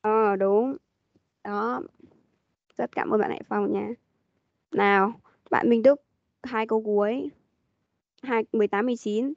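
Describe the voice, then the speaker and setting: A woman's voice: on the high side, steady tone, measured pace, creaky, long pauses, a little mellow, dry recording. A woman teaching an online English class, patiently prompting and repeating her questions over a video call. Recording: dull lo-fi meeting audio.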